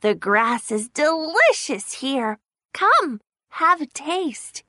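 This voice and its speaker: Woman doing a high chirpy little sheep. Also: very animated, slow pace, no echo, studio quality, full character voice. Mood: friendly. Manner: warm, chatty, caring. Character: chubby friendly curious little sheep. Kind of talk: storybook audio acting.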